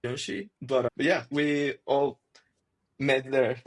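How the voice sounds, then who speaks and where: Husky young man telling a story. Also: medium pitch, slow pace. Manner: loose storytelling with fillers. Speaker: student guest. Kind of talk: casual interview.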